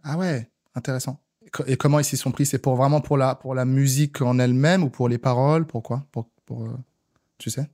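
Mellow French man hosting a podcast. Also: mid-range voice, fairly even intonation, a little fast. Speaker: podcast host. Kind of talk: casual interview chat.

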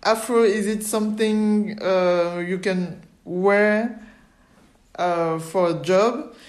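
A woman hosting a podcast interview, speaking halting English with many fillers. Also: mid-range voice, a little mellow. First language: French. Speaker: podcast host. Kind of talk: casual interview.

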